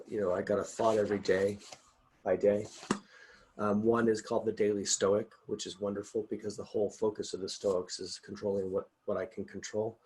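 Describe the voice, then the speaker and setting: A man's voice: lowish voice, a little mellow, slight background noise. A man, a guest executive coach, chatting casually over a video call from his home, rambling and laughing often.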